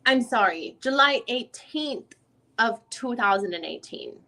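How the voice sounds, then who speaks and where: Reading from a legal transcript, a woman takes the role of a lawyer methodically and formally probing a witness during a deposition. The performance is heavily acted, animated and forceful, her voice bright, on the high side, and a little slow.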